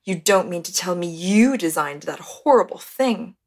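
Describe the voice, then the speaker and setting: A woman's voice: lowish voice, lively intonation, moderate pace, a little mellow. A woman voicing an elegant, haughty aristocratic duchess who refuses firmly and sounds indignant.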